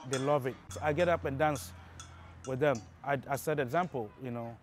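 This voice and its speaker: A middle-aged man with a Ghanaian accent, a drumming and dance teacher speaking in an interview, halting with many fillers. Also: medium pitch, slight background noise. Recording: music playing underneath.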